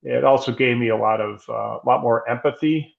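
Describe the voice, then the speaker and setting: Middle-aged guy, gravelly voice, pretty monotone, thoughtful and measured, kinda muffled audio. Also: mid-range voice. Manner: measured, thoughtful, with frequent restarts. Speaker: guest, emergency physician. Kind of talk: reflective interview conversation.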